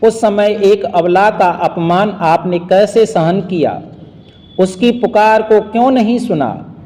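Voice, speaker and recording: A male preacher voicing a wronged queen who asks a pointed question, telling it slowly and earnestly with long hall reverb. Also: sits high, dark tone, pitched above the performer's own voice. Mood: accusing. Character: queen Draupadi, woman, wronged and reproachful.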